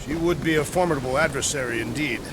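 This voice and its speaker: An actor playing a huge, blunt male warrior who speaks in a deadpan, formal, literal way, in video game dialogue. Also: mid-range voice, fast talker, background noise, lightly acted. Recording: game audio under loud rain.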